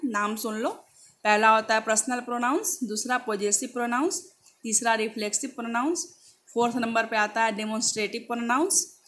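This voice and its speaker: Patient woman teaching grammar. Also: a little high. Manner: patient, repeats key words, checks in with "thik hai na"; reads English example sentences slowly, word by word. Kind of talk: slide-based online lesson in Hindi with English examples.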